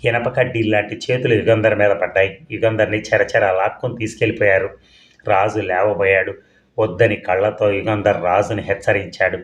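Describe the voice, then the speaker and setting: Brief: male audiobook narrator, measured and plain, lowish voice, echoey muffled recording. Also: level tone. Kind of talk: reading a novel aloud. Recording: dull, echoey room.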